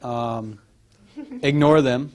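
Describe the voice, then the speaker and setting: A man's voice: mid-range voice, fairly even intonation. Earnest man with a mid-range voice. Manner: earnest, pausing between phrases. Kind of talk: informal encouraging address to a group.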